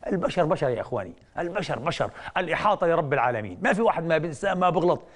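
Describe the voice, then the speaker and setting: Brief: middle-aged male scholar lecturing, quick and emphatic, keeps quizzing his listeners. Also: fairly high pitch, very animated. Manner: rhetorical questions to the audience, teacherly, emphatic. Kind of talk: religious lecture.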